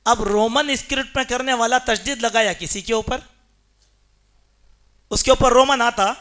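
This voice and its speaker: A male preacher delivers a Friday sermon in a mosque. His voice sits very high and rings bright. He drives his points home emphatically and keeps firing rhetorical questions at the congregation. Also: fairly even intonation.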